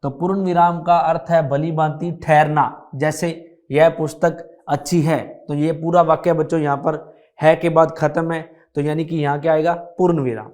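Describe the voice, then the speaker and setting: A man teaching a grammar lesson to children, explaining slowly and repeating key points as he addresses them directly. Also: on the high side, little pitch movement, a little mellow. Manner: slow, repetitive explaining, addresses children often.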